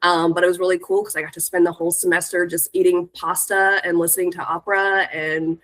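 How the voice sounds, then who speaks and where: Sick with a cold, a thirtysomething music industry professional from Northern California gives a chatty guest talk about herself, sounding stuffy. She speaks quickly in a lowish, level, slightly bright voice.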